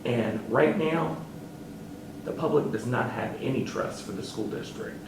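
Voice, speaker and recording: A man who sits on a school board, answering interview questions earnestly and haltingly, with fillers, and turning emphatic. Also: mid-range voice, roomy sound, distant mic, a little hiss or hum, poor audio.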